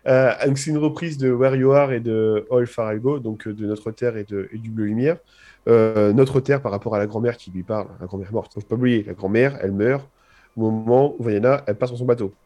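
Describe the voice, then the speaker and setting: A man's voice: mid-range voice, fairly quick, dark tone. A young man hosting a casual podcast chat about film music, rambling and hesitant, with jokey asides. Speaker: podcast co-host.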